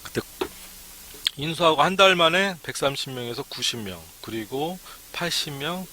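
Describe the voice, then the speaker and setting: With background noise around him, a man with a slightly high voice speaks at normal speed in a live-streamed lecture for would-be academy owners. He is an academy startup consultant whose chatty delivery is peppered with "ne" fillers.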